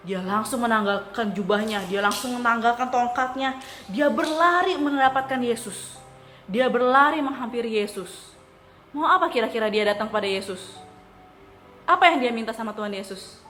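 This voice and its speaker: A woman teaching children at church, telling a story in an animated way and asking the kids questions. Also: a little high. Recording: echoey room with faint music.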